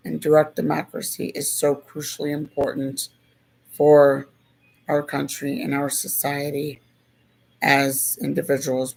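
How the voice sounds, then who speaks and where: A hoarse speaker who is losing their voice, giving a casual, slow and thoughtful civics explanation that circles back over its points. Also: medium pitch, darkish tone, poor audio.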